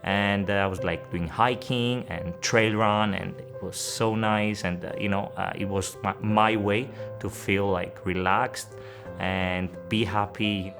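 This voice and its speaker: A man with a lowish voice talks relaxed and conversational in a documentary interview, with frequent fillers. Strong music plays behind. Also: unhurried, gravelly. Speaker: doctor, interviewee. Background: background music.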